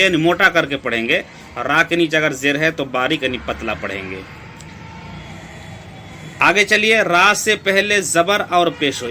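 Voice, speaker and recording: A man teaching Quran recitation rules step by step. He explains slowly, repeats himself and keeps asking rhetorical questions. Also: fairly high pitch, sharp tone, slight background noise. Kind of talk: step-by-step tajweed lesson.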